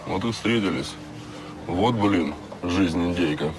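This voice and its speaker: A man's voice: deep voice, takes it slowly. A man playing a laconic underworld tough in a film, speaking matter-of-factly. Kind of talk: naturalistic film dialogue. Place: outdoors in an open square. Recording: noisy outdoor film sound.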